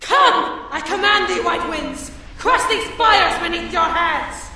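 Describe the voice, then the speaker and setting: A woman's voice: extremely high pitch, slow pace, far from the mic, background noise, pitched above the performer's own voice. A woman voicing a regal, proud demon woman who speaks in imperious, spell-casting declarations. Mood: commanding.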